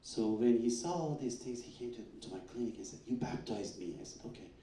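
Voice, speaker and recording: At a fundraiser, a male doctor presents his research through patient stories, animatedly acting out quotes complete with stammers. He has a medium-pitched voice and talks a little fast. Recorded from a distant mic in an echoey event hall, the audio also carries slight background noise.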